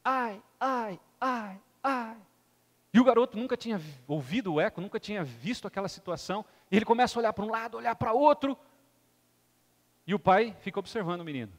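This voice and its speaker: A man's voice: high voice, animated, fast talker, long reverb tail. A man preaching a sermon as pastor with a Brazilian accent, emphatic and fond of tag questions. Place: church sanctuary.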